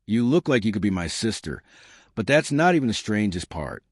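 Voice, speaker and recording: Man reading an amazed young British woman, low pitch, animated. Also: a little fast, dry recording, studio quality. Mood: incredulous.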